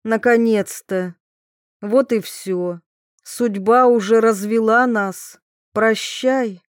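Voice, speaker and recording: A scheming, scornful wife, as a woman puts her on, pitched high and shrill. She talks down imperiously and snaps into loud, slow insults. The voice sits close and dry. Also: steady tone, no room sound. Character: scheming sharp-tongued provincial wife.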